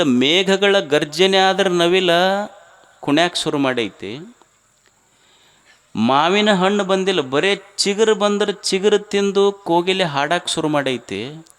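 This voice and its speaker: A man's voice: sits high, a bit bright, clear, resonant tone. A man with a North Karnataka Kannada accent, a monk giving a village sermon who tells folk stories, repeats lines for emphasis and puts rhetorical questions to the audience. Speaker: monk giving a religious discourse.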